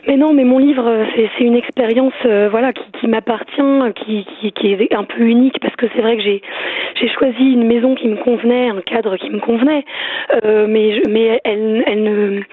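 French woman, voice nearly gone, raspy, phone-line tinny, halting. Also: on the high side, fairly even intonation. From France. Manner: hesitant, restarts phrases. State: hoarse, losing her voice. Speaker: author, phone guest.

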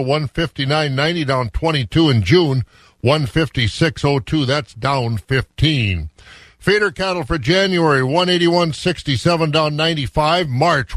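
A man's voice: a little high, a bit bright, no echo. American man giving a radio farm report. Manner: conversational, unscripted asides. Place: radio studio.

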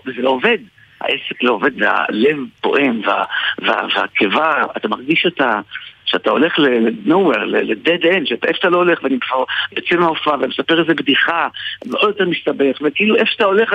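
A man with an Israeli accent tells an anecdote casually, haltingly, repeating and restarting his phrases. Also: mid-range voice, lively intonation, vocal fry, no room sound. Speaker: guest, stage performer. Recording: muffled radio or phone-like sound, dry.

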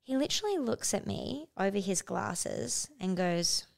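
A young Australian woman telling stories in a casual podcast chat; she is animated, laughs often and swears casually. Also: mid-range voice, a little slow, vocal fry.

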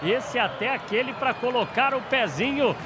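Brazilian guy reporting on a football match, super high voice, loud ambient noise behind. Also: lively intonation, moderate pace, crowd noise. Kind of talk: live sports commentary, describing replayed play.

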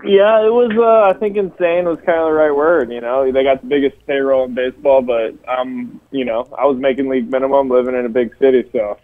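A man's voice: medium pitch, fairly even intonation, fairly quick, few pauses. A man from Hawaii calling in as a guest, chatting casually about his baseball career. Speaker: phone-in guest, baseball pitcher. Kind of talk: casual chat on a phone line. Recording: tinny phone line.

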